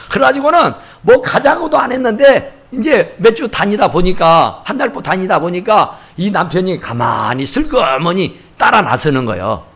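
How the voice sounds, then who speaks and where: A male pastor preaching a sermon in a church sanctuary, telling stories in an animated way and acting out the people in them. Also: high-pitched, slightly rough. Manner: animated storytelling, acting out quotes.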